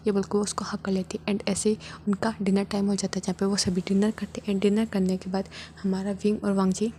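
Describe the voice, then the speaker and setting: Woman narrating a fan story, mellow. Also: mid-range voice, little pitch movement, brisk, a little hiss or hum. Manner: casual, rambling retelling.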